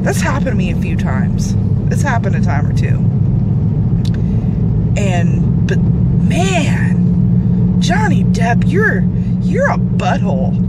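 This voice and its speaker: Young woman vlogger, playfully indignant, fairly high voice. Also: heavy background noise. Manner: animated, exaggerated indignation, sing-song. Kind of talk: casual vlog chat.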